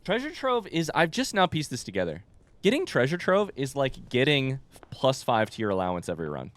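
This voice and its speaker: Very animated and a bit bright, this medium-pitched man speaks fairly quickly. He streams a game he's playing blind, thinking aloud in an informal, meandering way with mild swearing, though his voice is a little under the weather from being sick.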